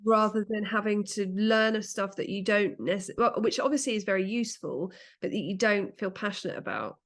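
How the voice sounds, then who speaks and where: A woman's voice: mid-range voice, fairly quick. A woman co-hosting a podcast in casual chat, talking in rambling, self-correcting runs. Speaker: podcast co-host.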